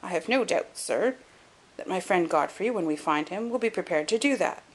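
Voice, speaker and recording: Loyal, excitable young gent read by a woman, plain-spoken, emphatic storybook dialogue, lively intonation. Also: fairly low pitch, moderate pace, husky. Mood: earnest, respectful. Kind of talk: audiobook character acting.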